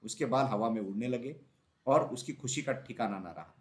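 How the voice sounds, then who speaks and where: A man narrating a children's story in Hindi in a steady, clear storytelling voice. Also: mid-range voice, normal speed.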